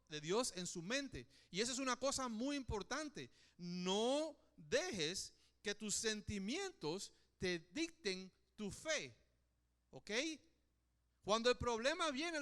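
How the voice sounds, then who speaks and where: A man with a high, bright voice preaching with lively conviction. His tone is clear and crisp, and he keeps tossing short questions to his listeners as he drives each point home. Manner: animated, asks the congregation questions often. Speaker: pastor. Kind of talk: sermon.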